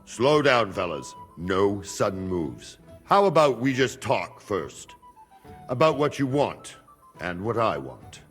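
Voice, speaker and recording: An actor playing a wary guard in a game, speaking calmly and quietly threatening. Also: male voice, fairly low pitch, soft background music, exaggerated voice. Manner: calm, measured, quietly threatening. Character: wary Hungarian guard of a king, middle-aged man.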